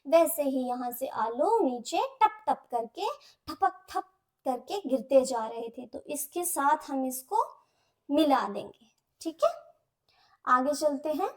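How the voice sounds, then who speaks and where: Woman teacher, high voice, unhurried, sounds out syllables for young kids. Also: lively intonation. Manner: slow, syllable-by-syllable explanations to young children. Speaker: primary school Hindi teacher. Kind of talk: lesson.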